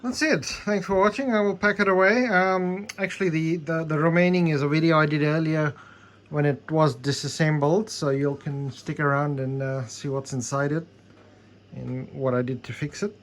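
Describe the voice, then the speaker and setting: A hobbyist shows off a tape deck he repaired in a casual, unscripted hands-on demo, explaining somewhat hesitantly as he goes. His voice is on the high side, with a steady tone at normal speed.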